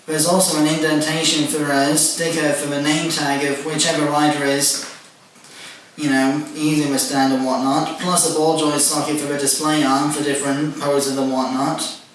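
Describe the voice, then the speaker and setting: A man talks through a toy review in a level, fairly high voice that barely rises or falls. He works methodically through each feature and tacks on "and whatnot". He sits well back from the mic in a very echoey room, with faint noise underneath. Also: little pitch movement, normal speed, distant mic. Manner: methodical, listing details with "and whatnot". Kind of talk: casual toy review walkthrough.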